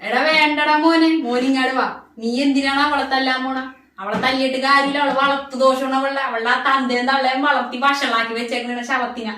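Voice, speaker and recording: A woman's voice: high voice, steady tone, a little fast, pushed and bright, voice pushed down. Woman playing a sneering mother-in-law. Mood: bitter. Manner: sneering, calls her daughter-in-law names. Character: scornful older mother-in-law, harsh and taunting. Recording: echoey room, voice off-mic.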